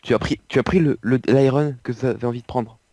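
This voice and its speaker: A man's voice: medium pitch, quick pace, mellow. A man co-playing in casual game commentary, teasing with mock-formal, sarcastic quips. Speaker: co-player.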